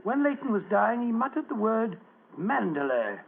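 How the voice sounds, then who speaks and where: An actor playing an earnest, puzzled gentleman doctor in a radio drama, hesitant and bluff. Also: sits high, big pitch swings, normal speed, vocal fry, slight background noise, exaggerated voice. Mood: puzzled, admiring. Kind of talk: classic radio drama acting. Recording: muffled lo-fi vintage-style radio recording.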